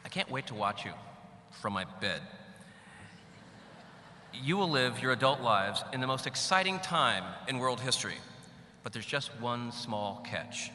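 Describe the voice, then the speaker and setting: A man's voice: mid-range voice, expressive, measured pace, pauses often, pushed and bright. Man speaking in a big echoing hall. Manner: wry, joking asides. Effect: big hall echo. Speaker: commencement speaker. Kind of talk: graduation speech. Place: large hall. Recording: echoey large hall, faint hum.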